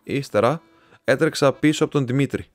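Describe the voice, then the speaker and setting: A man's voice: medium pitch, no room sound, soft background music, voice pushed up, natural voice. A man voicing a pale young laborer who blurts out words in a choked, desperate voice. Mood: strained.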